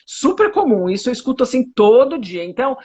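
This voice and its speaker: Animated, husky Brazilian woman therapist. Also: a little high, a little fast. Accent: Brazilian Portuguese. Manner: emphatic, indignant, rhetorical questions. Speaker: psychotherapist. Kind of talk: conversational interview. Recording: dull lo-fi audio.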